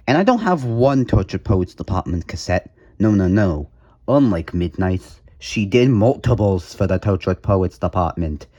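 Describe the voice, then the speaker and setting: A man hosts a music collection video, joking his way through his items with mock emphasis in casual show-and-tell vlog commentary. His voice is lowish and darkish in tone. The recording is dry and studio quality.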